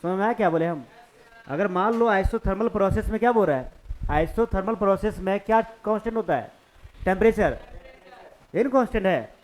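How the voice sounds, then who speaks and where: A man's voice: high-pitched, moderate pace, rough recording. A man teaching a physics class in Hindi-accented speech, explaining step by step and often asking the students whether they follow. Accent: Hindi-speaking eastern India. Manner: conversational, keeps checking understanding with the class. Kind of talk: classroom lecture.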